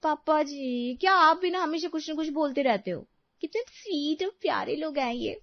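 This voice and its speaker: A woman's voice: animated, moderate pace, no room sound. A woman voicing a sweet, coaxing young daughter-in-law in a storybook tale. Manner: sweet, coaxing, high-pitched. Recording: dry, slightly dull recording.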